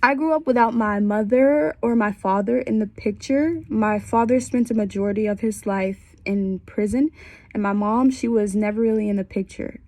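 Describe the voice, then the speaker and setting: Speaking at a normal speed in a warm, mid-range voice, a woman in her twenties recounts her own story for a class while congested from a cold. She is candid and chatty, adding wry asides from her small bedroom, and the recording is dry.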